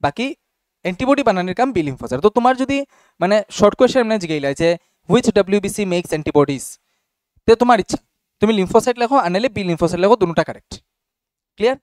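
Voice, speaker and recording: A man's voice: high-pitched, lively intonation, very fast, pauses often, no echo, clean studio sound. A young man teaching a class casually and often checking whether students follow. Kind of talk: classroom biology lesson.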